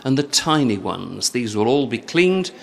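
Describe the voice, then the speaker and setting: A man's voice: mid-range voice, big pitch swings, measured pace, creaky, very noisy. An Englishman in his sixties with an English accent, guiding a tour of a church organ, enthusiastic and descriptive, speaking into a handheld mic in a large church. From England. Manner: warm, enthusiastic and descriptive, with lilting emphasis. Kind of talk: guided tour talk. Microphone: handheld microphone.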